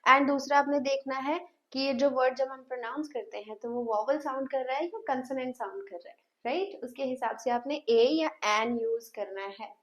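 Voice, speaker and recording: A woman's voice: high voice, moderate pace, hardly any pauses, a bit bright. A woman teaching an English grammar lesson, asking her class questions and repeating sounds patiently. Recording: dull lo-fi sound.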